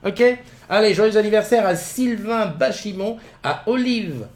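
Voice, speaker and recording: A middle-aged man runs a laid-back morning live stream from home, speaking into a desk mic set up with webcams. His voice is high-pitched with lively intonation and a measured pace, and he rambles with lots of fillers while greeting viewers by name.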